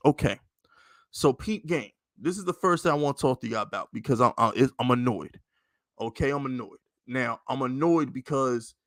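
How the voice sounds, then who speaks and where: A man hosting a casual sports talk stream, talking in loose, repetitive bursts that climb higher and louder when he gets riled. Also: dry recording. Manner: animated, repetitive, rising to near-shouting when riled. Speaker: sports podcast host.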